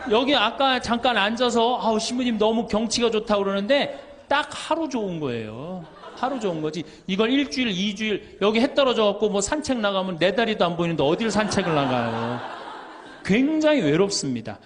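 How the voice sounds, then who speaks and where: Priest, middle-aged man, humorous lecture; high voice, lively swings, playful quoting. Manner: lively, joking, quotes people in little voices.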